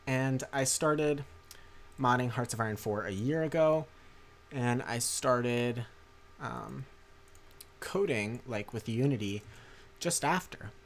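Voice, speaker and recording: A man's voice: mid-range voice, slow pace, long pauses, a little hiss or hum. A young man livestreaming a strategy game, chatting in a rambling way with many fillers and restarts while reading chat. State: tired from a long day. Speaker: streamer and mod maker. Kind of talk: casual livestream commentary.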